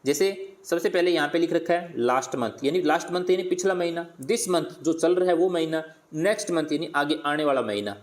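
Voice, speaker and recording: A man teaching primary pupils, slowly repeating words and sounding them out, asking questions and answering them himself. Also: a little high. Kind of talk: worksheet lesson for primary pupils.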